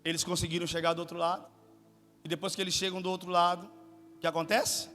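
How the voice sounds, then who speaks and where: A man from Salvador preaching a sermon as guest pastor, questioning the congregation and rising to shouted peaks. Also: sits high, level tone, fast. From Salvador, Brazil. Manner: asks the congregation questions, builds to shouted climaxes. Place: church hall. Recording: long hall reverb with faint music.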